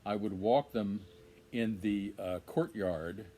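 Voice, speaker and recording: A man's voice: on the low side, slow pace, warm tone, slight background noise. An older man interviewing a guest, telling long rambling stories full of fillers and hesitations. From Minnesota. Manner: rambling storyteller, many fillers. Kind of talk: casual interview.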